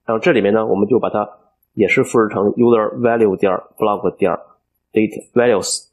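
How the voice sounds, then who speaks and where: A man teaching a coding tutorial over a screen recording, explaining each step aloud and filling pauses as he thinks. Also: lowish voice, fairly even intonation, darkish tone, husky. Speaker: programming instructor.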